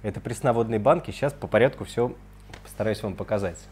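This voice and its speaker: Hosting an aquarium video series, a man gives a casual vlog-style tour of an indoor room full of large aquariums, speaking fast in a lowish, darkish voice. His talk is informal, slangy and enthusiastic, and the recording has noticeable background noise.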